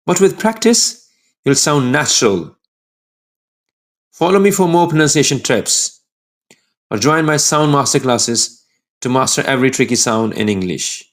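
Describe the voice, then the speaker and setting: A male English teacher gives a scripted pronunciation lesson at an unhurried pace. His pitch moves up and down a lot as he sets out short instructions and questions, and he exaggerates and stretches the sounds and example words he demonstrates. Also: lively intonation, fairly bright tone. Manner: instructional, with short, separated phrases and rhetorical questions.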